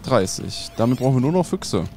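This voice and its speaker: A man giving casual, excitable gameplay commentary as a let's play host, dropping English gamer slang into his talk. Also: mid-range voice, fairly quick, faint music behind.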